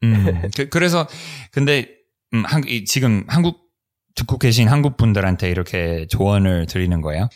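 Low-voiced man with foreign accent, halting. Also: expressive. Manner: halting, searching for words. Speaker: co-host, Korean learner. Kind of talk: casual discussion.

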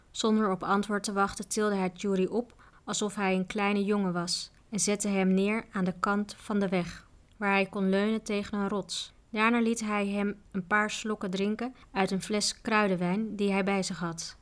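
Woman reading an adventure book out loud, steady even voice. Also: mid-range voice. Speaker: audiobook reader. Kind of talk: storybook narration.

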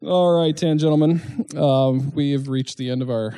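A man's voice: a little high, fairly even intonation, moderate pace, warm tone, clean tone, dry recording. A man hosting a casual podcast chat, talking loosely and laughing often. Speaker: podcast host.

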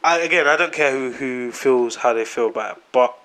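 A man chatting casually on a podcast, animated and slangy, repeating himself for emphasis. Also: mid-range voice, brisk. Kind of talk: casual chat.

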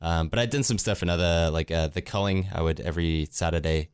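A man's voice: low voice, a little fast, clean tone, no echo. A man co-hosting a casual podcast, sounding sick and talking in a rambling way with many fillers. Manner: rambling, filler-heavy talk. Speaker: podcast co-host.

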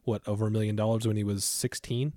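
A man's voice: fairly low pitch, level tone, quick pace, dark tone, no echo, studio quality. A man in his thirties hosting a podcast, chatting casually, trailing off and laughing often. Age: 30s. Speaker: podcast host. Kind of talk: casual chat.

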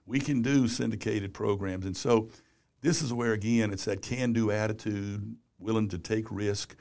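A man's voice: fairly low pitch, steady tone, moderate pace, gravelly, a little mellow. A man in his sixties, a business publisher and columnist, talking in a casual interview, rambling and peppering his sentences with "you know".

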